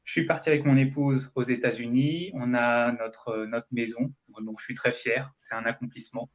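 A French man in his thirties, a real estate investment coach, answers live interview questions on a video call from an indoor room. His answers are explanatory and conversational, with a medium-pitched, steady voice at normal speed. The audio has its highs cut off.

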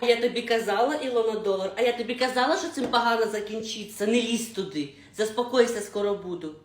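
A woman voicing a calm, knowing female best friend who talks softly and reassuringly. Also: on the high side, quick pace, reverberant, natural voice.

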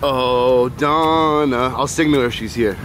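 A man's voice: mid-range voice, measured pace. A man filming a casual vlog on a handheld camera, joking around with friends. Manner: joking, laughs often, says "bro". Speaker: vlogger. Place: outdoors and in a shop. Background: music.

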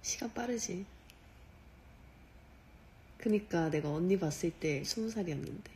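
A young woman in her late twenties talks slowly into a phone held close, unhurried and quiet, often dropping to a whisper. A faint hiss sits behind her voice in a dim room at night. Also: lowish voice. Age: 20s. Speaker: livestream host. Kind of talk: casual livestream chat.

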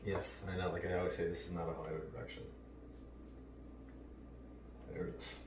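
A deep-voiced home cooking show host chats offhandedly while he cooks, giving a casual demonstration in a large indoor home kitchen. His delivery is flat and rapid-fire, and he sounds far away amid heavy noise. The camera mic starts at a distance and later moves close, with roomy kitchen acoustics that make him seem distant.

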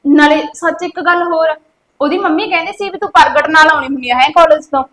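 High-voiced scolding sister-in-law, Punjabi accent, reproachful village drama, a woman acting it. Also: brisk, a bit bright. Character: stern scolding sister-in-law, young woman, quick to anger. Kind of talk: village web-series drama.

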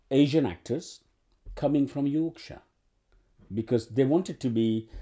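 A mellow, medium-pitched voice belongs to a Ugandan actor in his sixties giving an oral history interview. Sitting in a living room with bookshelves and a sofa, he wanders through his story with frequent restarts and fillers.

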